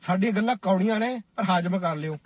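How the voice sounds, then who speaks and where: Recorded without echo, this high-pitched, fast-talking man from India delivers a scolding, preachy duet commentary from Cyprus. As a social media commentator, he frequently checks in with his audience by asking "right?"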